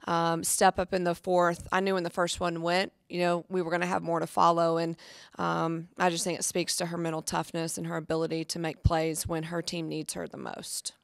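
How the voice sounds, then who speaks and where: A woman's voice: fairly low pitch, monotone, moderate pace, no room sound, studio quality. A woman in her thirties, a basketball head coach, answering questions at a post-game press conference with many restarts and fillers. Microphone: table mic on stand.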